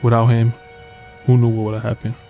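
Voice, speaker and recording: A man narrating true horror stories in a calm, even storytelling manner. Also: mid-range voice, brisk, gravelly, phone-quality sound. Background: faint background music.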